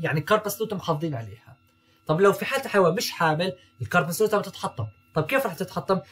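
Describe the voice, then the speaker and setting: A man's voice: sits high, breathy edge. A young man tutoring veterinary students over slides, repeating key terms and checking in often. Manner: mixes English medical terms into Arabic. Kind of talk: recorded lecture over slides.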